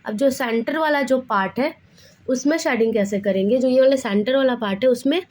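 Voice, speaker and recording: Woman art teacher, fairly high voice, patient step-by-step tutorial delivery. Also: a little fast, darkish tone. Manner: patient, addresses viewers as children. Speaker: drawing teacher. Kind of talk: tutorial instruction.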